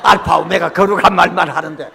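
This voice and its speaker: A man's voice: sits high, steady tone, quick pace, gravelly. An older man preaching at a church retreat, telling folksy stories full of blunt jokes and asking the crowd "eh?". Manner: folksy storytelling with blunt jokes and rhetorical "eh?" asides. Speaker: pastor.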